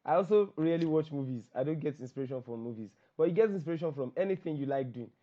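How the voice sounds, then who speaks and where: Guy teaching copywriting on a video call, talks really fast, warm low-key tone, kinda dull audio. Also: animated. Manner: fast, repeats phrases. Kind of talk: online class Q&A.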